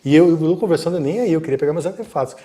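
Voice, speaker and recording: In rapid-fire speech and a slightly high voice, a Brazilian Portuguese-accented man tells a story as a guest on a casual livestream. He acts out the dialogue with animation.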